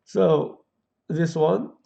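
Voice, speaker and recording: Recorded at home with dull lo-fi quality, this casual coding screencast features a male programming tutor whose gravelly voice sits on the high side, steady and dark in tone. His English is halting and non-native, likely shaped by Kabyle or Arabic, and he reasons aloud with many fillers.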